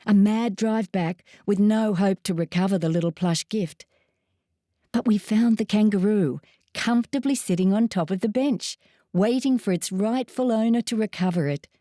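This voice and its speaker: A woman reading a first-person life story aloud in a measured, steady narration. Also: mid-range voice, dry recording, clean studio sound.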